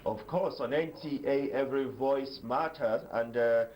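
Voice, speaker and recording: Male news anchor, Nigerian accent, dark soft tone, hesitant live delivery, faint background noise. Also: mid-range voice. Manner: hesitant, halting, frequent filled pauses. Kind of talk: live unscripted election coverage presenting.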